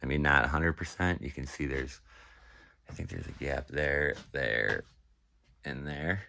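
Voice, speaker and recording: With a rumbling low, gravelly voice that's pushed and bright, a young man with a nasal quality vlogs about his off-grid cabin while standing outdoors on the property. He talks at a measured pace to camera, rambling and relaxed, with many fillers and restarts. A little hiss or hum sits under the recording.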